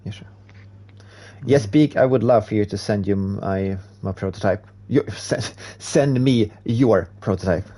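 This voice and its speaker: Racing on a live stream, this Swede talks easily with his audience in English, which isn't his native tongue, and reads out their comments. His voice is fairly low, warm, and unhurried. He's chatty and pokes fun at himself as he goes.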